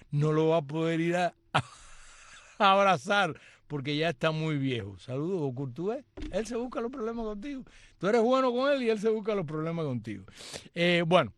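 Male host, slightly high pitch, dry studio sound, chatty, jokey, reads out listener greetings. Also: no echo. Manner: chatty, joking asides and greetings. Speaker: radio and live-stream host. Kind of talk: reading out listener comments.

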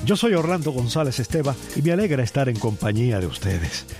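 A man's voice: medium pitch, sing-song, a little fast, darkish tone, faint music behind. A man from Cuba, hosting a studio talk program as a reflective spoken essay, thoughtful and posing rhetorical questions. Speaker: radio host.

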